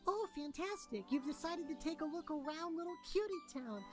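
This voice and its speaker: A woman's voice: high-pitched, expressive, moderate pace. A woman voicing a tiny, overly emotional cutie creature who greets visitors to her town, in video game dialogue with a sweet, cutesy, melodramatic manner. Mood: sweet welcoming. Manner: sweet, cutesy, melodramatic, swings into wailing despair. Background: game music.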